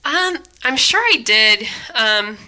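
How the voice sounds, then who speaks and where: A woman raised in the Bay Area, talking as a podcast guest in a relaxed, thoughtful way with frequent ums. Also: a little high, slow pace. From Taiwan, raised in the San Francisco Bay Area. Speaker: podcast guest, theater director. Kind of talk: casual interview chat.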